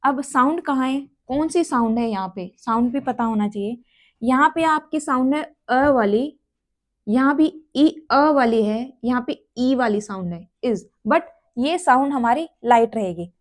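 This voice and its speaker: A woman's voice: on the high side, animated. A woman teaching a shorthand lesson, repeating each sound and place one by one. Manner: slow, repetitive, spells out sounds and places one by one. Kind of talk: classroom lesson explaining step by step.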